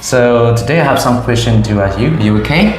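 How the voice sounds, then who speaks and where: A young woman teacher from Cambodia speaks English with a Khmer accent, her voice very low yet lively and rising and falling as she talks. She patiently repeats each answer back and praises often. The sound bounces around an echoey room. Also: a little fast. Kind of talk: classroom question-and-answer with a child.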